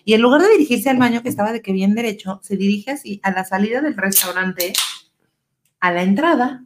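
A woman's voice: medium pitch, brisk, noisy background. A woman with a Mexican accent telling a personal story on a casual podcast, swearing freely and laughing often. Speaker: podcast co-host.

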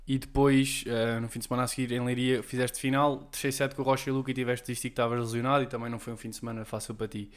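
A man with a European Portuguese accent hosting a casual interview, asking long, rambling questions in a relaxed, slangy way. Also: medium pitch, rapid-fire, few pauses, clean tone. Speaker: podcast host, interviewer.

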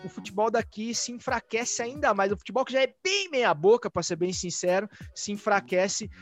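Male podcast host, high voice, lively and jokey, faint music under. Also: normal speed. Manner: animated, joking, many restarts. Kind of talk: casual chat.

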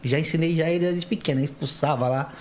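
Fast-talking São father, rambling. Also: fairly high pitch, darkish tone, a little hiss or hum. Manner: rambling storyteller, repeats phrases. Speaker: guest's father. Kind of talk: casual podcast chat.

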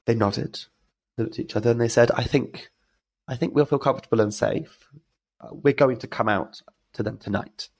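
A British man, a drag storyteller, telling a story as a podcast guest, acting out the quotes with big leaps in pitch and gasps. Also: creaky. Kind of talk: animated storytelling.

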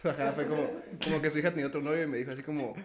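Rapid-fire man in an echoey room. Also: fairly high pitch, steady tone, background noise. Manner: crude, joking banter. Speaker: podcast co-host. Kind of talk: casual chat.

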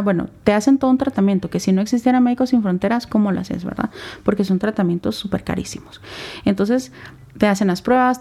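A young woman with a Guatemalan Spanish accent, speaking as an interview guest in earnest, reflective personal testimony, in short halting phrases. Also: medium pitch, creaky, warm tone.

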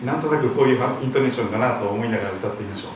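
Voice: mid-range voice, racing, a little hiss or hum. Earnest pastor preaching in an echoey church. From Shikoku, Japan. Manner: earnest, emphatic preaching with hymn singing. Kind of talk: sermon. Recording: very echoey hall, voice from a distance.

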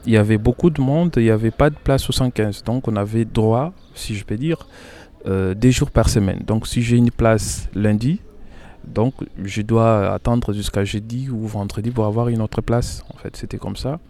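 In a radio interview, a young Congolese man from Kinshasa tells his own story at normal speed in a lowish, mellow voice. He hesitates often, filling pauses and repeating words.

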